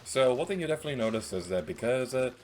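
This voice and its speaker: A man's voice: medium pitch, very fast, a little hiss or hum. A man hosting a Let's Play with casual, playful gameplay commentary. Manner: animated, playful.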